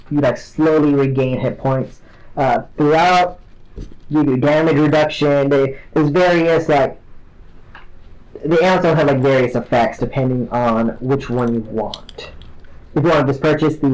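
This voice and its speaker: A man running a tabletop game as game master, talking in a halting way full of fillers and restarts. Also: mid-range voice, darkish tone, low-quality recording.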